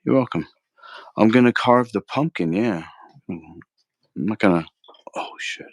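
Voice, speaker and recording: This cooking livestreamer has a fairly low voice and a measured pace, on a rough recording with no room sound. He rambles in slang as he cooks, argues with his chat and says "bro" again and again.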